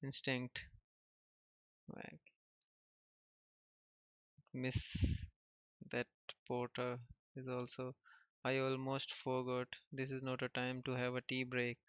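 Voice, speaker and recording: A man reads a comic aloud in a casual way, speaking every character's lines in one near-monotone voice and chuckling often between panels. His voice sounds smooth and clear. The recording is dry and a little dull. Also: mid-range voice, slow pace, long pauses, no room sound. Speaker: manga reader.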